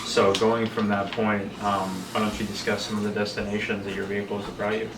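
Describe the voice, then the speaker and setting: Low, flat-pitched male interviewer, echoey. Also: a little fast. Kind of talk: casual interview hosting. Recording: echoey room, distant mic, noisy background.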